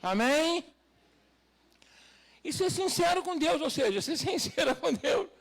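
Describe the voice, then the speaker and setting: This male pastor has a very high-pitched, gravelly, expressive voice and an unhurried delivery. His sermon is full of rhetorical questions aimed at the congregation, and it climbs into emphatic, raised passages.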